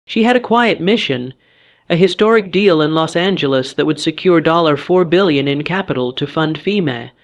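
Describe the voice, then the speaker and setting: A man reading a dramatic story as its narrator, steady and scripted. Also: a little high, no echo.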